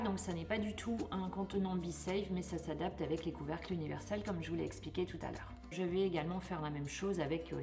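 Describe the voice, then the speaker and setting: Chatty woman demoing in her kitchen. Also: on the low side. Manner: chatty, hesitant with frequent fillers. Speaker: cooking vlogger demonstrating a product. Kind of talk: casual product demonstration. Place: home kitchen, indoors.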